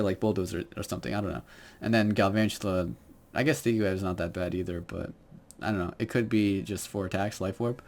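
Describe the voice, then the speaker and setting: Young male gamer, low-pitched and quiet, talking through his own match over faint background music, hesitant. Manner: quiet, hesitant, many fillers. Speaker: Pokemon battle commentator. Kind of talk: game commentary.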